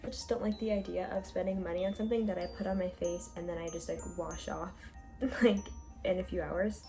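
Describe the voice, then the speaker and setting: A woman's voice: lowish voice, dark tone. A young woman talking casually to her viewers in a vlog, full of "like" and fillers. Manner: chatty, filler-heavy, says "like" often. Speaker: vlogger. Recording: music playing underneath.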